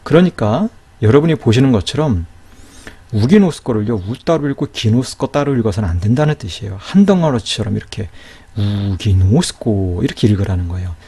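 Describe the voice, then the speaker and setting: A man's voice: medium pitch, expressive, fast, warm tone, breathy edge. A man teaching a grammar lesson in a patient, explanatory way, often checking in with a rising "right?". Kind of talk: recorded lecture.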